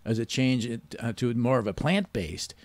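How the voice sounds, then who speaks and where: A man's voice: mid-range voice, lively intonation, normal speed, no echo. A man hosting a radio quiz show, teasing the caller with dry wisecracks. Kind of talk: joking quiz banter.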